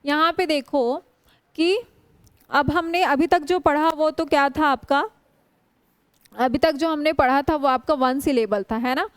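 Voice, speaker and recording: A woman teaching English grammar in a classroom lecture, drawing out English words slowly and often putting questions to her students. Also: high voice, no echo. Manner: slow, drawn-out spelling of English words; frequent rhetorical questions to students.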